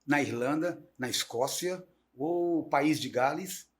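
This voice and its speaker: A middle-aged man, a guest teacher, talking in an animated, chatty storytelling way on a talk show. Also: on the high side, slow. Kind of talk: casual talk-show conversation.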